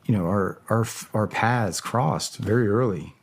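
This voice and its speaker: Deep-voiced man telling a blunt story. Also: unhurried, vocal fry, breathy edge. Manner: profane, blunt and hesitant. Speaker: podcast guest. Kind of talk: casual storytelling.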